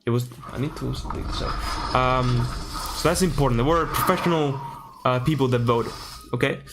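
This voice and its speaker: A man's voice: mid-range voice, normal speed, noisy background. Chatty male streamer thinking aloud. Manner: chatty, thinks aloud while fixing settings. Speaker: streamer reacting to a livestream. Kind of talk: casual live-stream chat.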